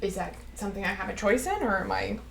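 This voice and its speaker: A woman's voice: mid-range voice, fast talker, creaky, a bit bright. A woman chatting casually as a player in a tabletop role-playing game. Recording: roomy sound, faint noise.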